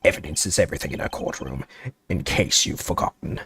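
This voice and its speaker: A man's voice: a bass voice, brisk, creaky, a bit bright, husky, pitched below the performer's own voice, heavily acted. A man voicing a cold, pompous prosecutor from a video game, domineering and scornful in formal speech. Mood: stern rebuke. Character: haughty male prosecutor, cold, accusing and domineering.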